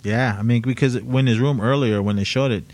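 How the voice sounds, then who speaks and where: A man co-hosting a casual podcast chat, recounting a story in a rambling, halting way. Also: mid-range voice, a little mellow. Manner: rambling, halting, lots of fillers.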